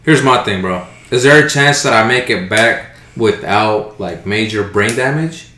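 A man's voice: on the low side, measured pace, sharp tone. Earnest young man, echoey room. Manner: earnest, insistent, repeats "look" to hold the floor. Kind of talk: casual podcast chat. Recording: echoey room with faint noise.

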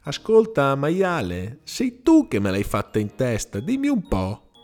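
A man voicing a small nearsighted female mole who squeaks indignant questions at the animals around her. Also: huge pitch swings, a little slow, darkish tone, faint music behind. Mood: indignant, questioning.

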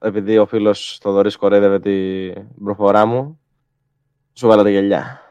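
A man's voice: lowish voice, level tone, a little mellow, clean tone, no echo. A man guest in a casual chat podcast who corrects the others firmly and plainly. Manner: matter-of-fact, firm corrections. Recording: dry, dull lo-fi sound.

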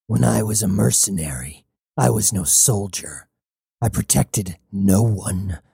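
A man voicing a hulking male cyborg captain, a menacing former mercenary with a gravelly, growling voice. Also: on the low side, lively intonation, mellow, no room sound, studio quality, exaggerated voice. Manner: slow, grim and threatening. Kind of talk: audiobook character voice.

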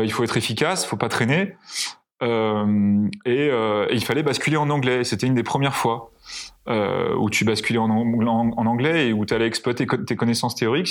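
A male pilot telling flight anecdotes in a casual interview, hesitant with many fillers and restarts. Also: mid-range voice. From France. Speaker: pilot guest.

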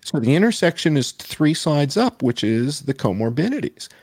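A man with a slightly high, very animated voice, a little mellow and slightly rough, speaks at normal speed with no echo, heard over a video call. As an interview guest, he walks through data slides in explanatory talk, repeating his main points for emphasis.

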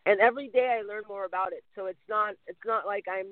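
Man from Mexico, high voice, earnest interview guest who keeps rephrasing; thin phone-line sound, dry. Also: fairly even intonation, fast, no echo. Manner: earnest, circling back to rephrase. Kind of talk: conversational interview answers.

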